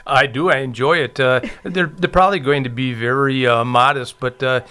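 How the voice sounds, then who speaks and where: Chatty man with a clear voice. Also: medium pitch, fairly even intonation, bright, forceful tone. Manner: chatty, many filler pauses. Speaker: festival committee member, guest. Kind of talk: casual interview.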